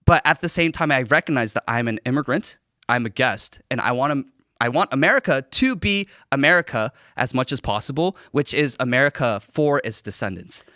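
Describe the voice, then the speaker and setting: A man's voice: medium pitch, expressive, brisk, pushed and bright, no room sound, clean studio sound. A young man from Korea, a podcast guest, talking earnestly and emphatically on a political panel, often repeating himself for stress.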